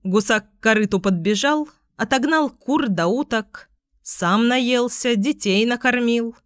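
Slow woman reading a fairy tale. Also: on the high side, clear, resonant tone, dry recording, clean studio sound. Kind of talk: storybook narration.

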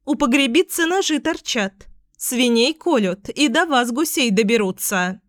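A woman voicing a shaggy, alarmist female jackdaw in a storybook, with a shrill, cawing delivery. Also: animated, a little slow, dry recording, clean studio sound. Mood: alarmed.

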